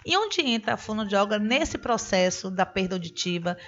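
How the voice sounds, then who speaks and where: A Brazilian woman hosting a talk show, asking long, measured questions. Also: mid-range voice, sing-song, a bit bright. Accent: Brazilian Portuguese. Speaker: radio show host. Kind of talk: interview questions. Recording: dull lo-fi broadcast audio.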